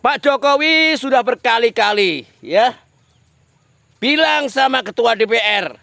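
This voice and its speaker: Man, political commentary monologue, talking slowly with heavy repetition, dry and close. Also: sits high, vocal fry, bright, forceful tone, dry recording. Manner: addresses a politician directly, repetitive emphatic phrasing.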